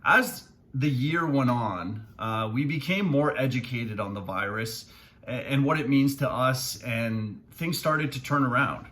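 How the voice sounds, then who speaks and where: A man who works as a financial advisor, talking casually to camera with frequent ums and plain, steady explanations. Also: medium pitch, unhurried. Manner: relaxed, many fillers, plainspoken. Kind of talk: casual video commentary.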